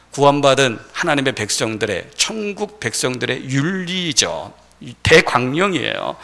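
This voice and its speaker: Male pastor, Sunday sermon in church; lively, swooping delivery, emphatic repeats, rhetorical questions to the pews. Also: mid-range voice. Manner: asks the congregation rhetorical questions; emphatic, repeats key phrases. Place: church sanctuary.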